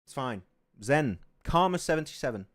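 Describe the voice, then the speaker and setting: A man co-hosting a live esports watch party, commentating with energetic outbursts and frequent laughs. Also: mid-range voice, moderate pace, no echo, studio quality.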